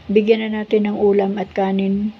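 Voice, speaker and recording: A woman's voice: medium pitch, completely flat delivery, moderate pace, lo-fi sound, slight background noise. A woman hosting a Bible reading show, sharing a testimony as earnest devotional storytelling, polite and respectful toward her listeners. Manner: polite and respectful, frequent honorific po, addresses listeners as friends.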